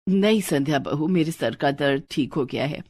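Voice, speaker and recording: A woman's voice: low-pitched, normal speed, a little mellow, husky, dry recording, pitched below the performer's own voice. A woman voicing a fretful older mother-in-law who stammers nervously in a cartoon story. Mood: sheepish.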